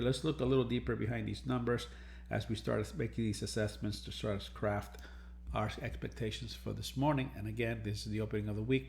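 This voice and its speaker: A trading educator hosts a premarket analysis lesson over charts, explaining in a semi-scripted way and repeating phrases to stress points. His voice is on the low side with vocal fry, and slight background noise is present.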